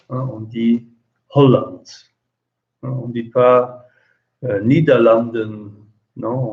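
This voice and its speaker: A man teaching a language lesson, explaining slowly with many hesitations and repeating example phrases. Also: mid-range voice, darkish tone. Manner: slow, hesitant, many fillers. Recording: dull lo-fi recording.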